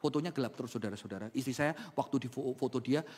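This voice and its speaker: A male pastor with an Indonesian accent preaching an Easter sermon, swinging from emphatic peaks to soft storytelling. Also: medium pitch, fast talker, breathy edge. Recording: long hall reverb.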